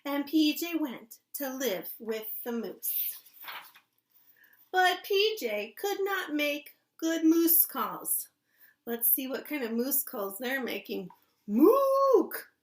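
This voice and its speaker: Her voice sits high and sounds expressive as this kindergarten teacher reads a picture book to young children. She performs the tale with feeling, breaking off at points to pose questions to her audience.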